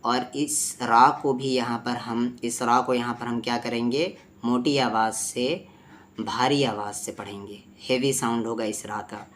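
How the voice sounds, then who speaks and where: A man teaching tajweed. He explains letter sounds and recites slowly, phrase by phrase, for his student to repeat. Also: mid-range voice, steady tone, a bit bright. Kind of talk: tajweed lesson with repeat-after-me drills.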